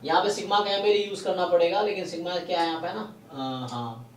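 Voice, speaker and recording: A statistics teacher delivers a live online exam-prep lecture in Hindi sprinkled with English terms, spoken with an Indian accent. He moves through each idea slowly and deliberately, often pausing to quiz his students. His voice is high, and the audio is roomy, a bit distant from the mic, with slight hiss or hum.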